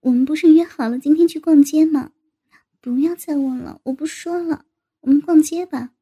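A woman voicing a shy young woman who confides to a friend in a hesitant, halting way. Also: high-pitched. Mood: embarrassed. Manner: hesitant, halting, soft-spoken. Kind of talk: adult audio story reading.

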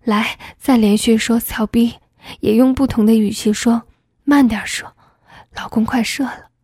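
A woman voicing a commanding husband in a hushed, insistent whispered role-play. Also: on the high side, steady tone, unhurried, husky, no echo, clean studio sound. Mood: urgent. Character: a husband, adult man, aroused and commanding.

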